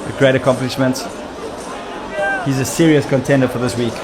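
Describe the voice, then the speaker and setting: A man's voice: medium pitch, little pitch movement, brisk, a loud crowd, heavy background noise. A man giving easygoing live commentary on a motorbike race.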